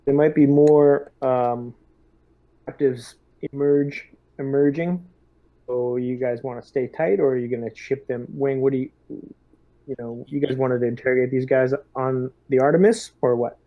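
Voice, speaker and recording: A man with a mid-range voice and fairly even intonation, speaking at a moderate pace, plays a tabletop role-playing game. He talks through in-game plans and questions hesitantly, recorded on a dull, muffled microphone.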